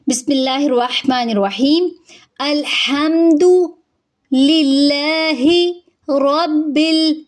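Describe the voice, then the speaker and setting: A woman with a fairly high voice gives a tajweed lesson on Quran recitation. She points out common mistakes in plain talk, then slows right down to chant each verse carefully. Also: a little mellow. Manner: uses Urdu religious terms.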